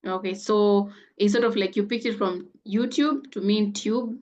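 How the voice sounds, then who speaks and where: A woman's voice: mid-range voice, steady tone, normal speed, darkish tone, muffled recording. A woman hosting an online interview with a graduate, upbeat and full of praise. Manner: upbeat, effusive praise with frequent "amazing". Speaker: host.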